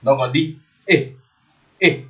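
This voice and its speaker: A male English teacher speaks slowly at a medium pitch, giving a classroom-style lesson in French in an echoey room with a whiteboard. He patiently repeats words and keeps checking in with "ok?".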